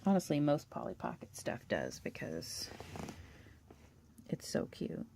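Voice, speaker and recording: A woman hosting a toy-collecting channel, chatting and gushing through a catalog in a hoarse voice. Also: sits low, wildly swooping pitch, measured pace, warm tone, slight background noise. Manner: chatty, gushing, with little laughs. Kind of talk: casual show-and-tell of a toy catalog.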